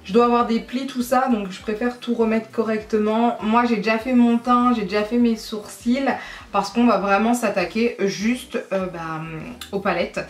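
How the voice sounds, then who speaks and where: A fairly high-voiced woman from France talks viewers through a makeup tutorial in a loose, chatty way. She narrates each step as she goes, sprinkling in fillers. The room around her sounds bright and echoey. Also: steady tone, moderate pace. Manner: chatty, explains as she works, frequent fillers. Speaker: beauty vlogger. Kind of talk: casual makeup tutorial chat.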